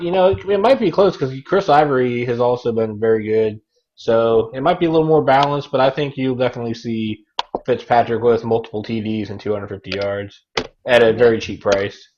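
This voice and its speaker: A man co-hosting a fantasy football podcast, giving steady, measured analysis in casual chat. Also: medium pitch. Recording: lo-fi audio with faint noise.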